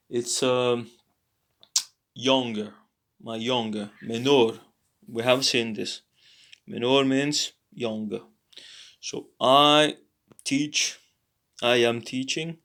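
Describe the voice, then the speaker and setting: Tired male tutor, slow and gravelly, thinks aloud with fillers and repeats; casual lesson. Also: mid-range voice, fairly bright tone. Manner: halting, many fillers and repeats. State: tired, yawning. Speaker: language teacher.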